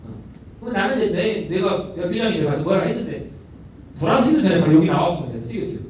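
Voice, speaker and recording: A middle-aged elementary school principal gives a storytelling lecture, his high voice moving fast. He is animated and repeats words for emphasis. A distant mic in a large, echoey lecture hall picks him up along with faint noise.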